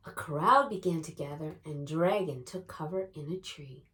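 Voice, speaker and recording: A woman reads a picture book aloud to young children at a moderate pace. She's an expressive, dramatic storyteller whose delivery swings between hushed and booming.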